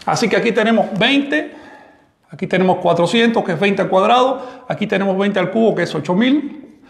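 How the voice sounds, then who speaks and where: A man teaching a math class in a high, gravelly voice. He explains step by step and keeps asking his students questions. The room sounds echoey. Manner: explanatory, asks the class questions, slightly sarcastic asides. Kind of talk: live-streamed online class.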